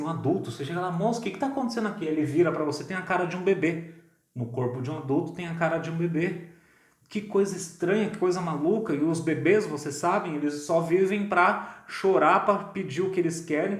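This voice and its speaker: A man with a Brazilian Portuguese accent preaching a sermon as pastor, talking in a conversational, lively way and often asking "né?". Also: fairly high pitch. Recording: roomy echo.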